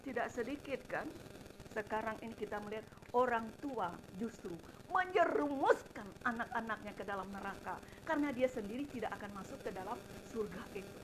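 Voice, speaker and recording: A middle-aged woman preaching an impassioned sermon, swinging between loud emphasis and quiet asides, addressing her congregation directly. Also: fairly high pitch, animated, fairly quick, background noise. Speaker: evangelist preacher.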